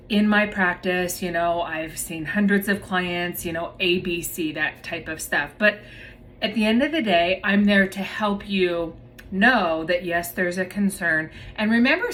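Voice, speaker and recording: A woman's voice: medium pitch, a bit bright. Chatty woman therapist, casual explainer to camera, mid-range voice, faint hiss behind. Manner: chatty, explains plainly, addresses viewers as "you guys". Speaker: myofunctional therapist. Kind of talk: casual educational talk to viewers.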